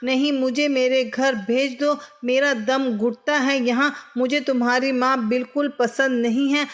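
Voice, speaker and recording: A woman's voice: high voice, little pitch movement, lightly acted. A woman voicing a stubborn, demanding young bride in a spoken storybook, curt and dismissive in her lines.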